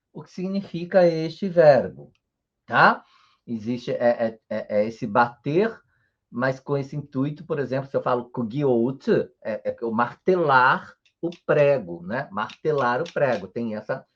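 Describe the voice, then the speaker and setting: Lively-pitched male teacher explaining patiently. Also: dull audio. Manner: patient explaining, frequent "né?" and "tá?" check-ins; spells out syllables in sing-song rows. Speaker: Japanese teacher. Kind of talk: live-streamed language lesson.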